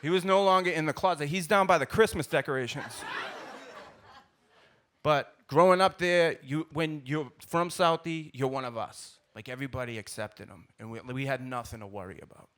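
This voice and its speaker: On a stage mic at a live show, a South Boston comedian tells stories with a bright, forceful, slightly high voice at a normal speed. His Boston accent comes through clearly, and crowd noise can be heard in the background.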